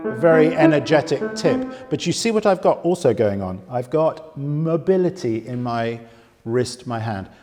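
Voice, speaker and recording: A man's voice: medium pitch, lively intonation, moderate pace. A man giving a piano lesson, explaining patiently and counting fingers aloud as he demonstrates in a very resonant room. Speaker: piano teacher. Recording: long room reverb with loud piano. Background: piano playing.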